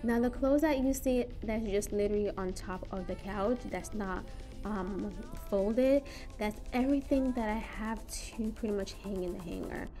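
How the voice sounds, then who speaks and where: A woman's voice: medium pitch, moderate pace, dark tone, soft background music. A woman in her thirties chatting casually to viewers at home, rambling with lots of fillers and restarts. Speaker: vlogger. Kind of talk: casual chat. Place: living room at home.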